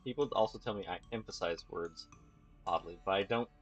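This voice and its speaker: A man's voice: low-pitched, a little fast, fairly bright tone, dull audio, soft background music. Chuck, a man doing a lisping creepy innkeeper. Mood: creepy cheerful. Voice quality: lisp, odd emphasis on words. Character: creepy grinning male innkeeper with lisp.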